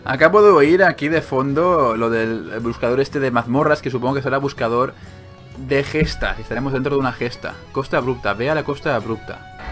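A man giving casual gameplay commentary, excitable and quick to swear and joke. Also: medium pitch. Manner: excitable, swearing, joking asides. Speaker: gaming video host.

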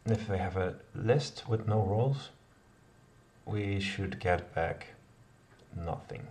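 Keyboard typing and clicks fill the background as a middle-aged man live-codes a kata indoors at his home office. His fairly low, darkish voice moves at a slow pace, hesitant and thinking aloud, with many fillers and self-corrections. The recording sounds distant, with clear background noise.

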